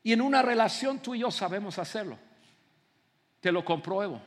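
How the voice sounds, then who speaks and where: A man preaching a sermon in an auditorium, animated and acting out little scenes, often repeating words as he stumbles. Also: sits high, moderate pace. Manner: animated, acts out scenes, frequent stammered repeats. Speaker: pastor. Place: large auditorium. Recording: reverberant hall.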